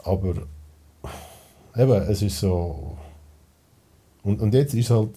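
A man's voice: on the low side, takes it slowly, dark tone. A man with a Swiss German accent talking as a podcast guest, rambling and blunt, with many restarts and fillers. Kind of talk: casual personal conversation.

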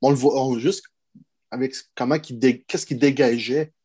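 A young man, talking casually and a little haltingly. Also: medium pitch, fairly even intonation, warm tone, slightly rough. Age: young adult. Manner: hesitant, halting storytelling. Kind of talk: casual chat.

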